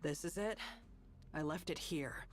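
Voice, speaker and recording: A blunt, weary fighter. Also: female voice, sits low, unhurried, faint music behind. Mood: cold. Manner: curt, dismissive, flat. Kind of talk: video game voice acting.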